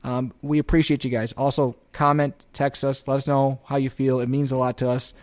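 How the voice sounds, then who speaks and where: A man's voice: medium pitch, flat delivery, brisk. A man co-hosting a casual podcast, upbeat, laughing often and restarting his words. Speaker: podcast co-host.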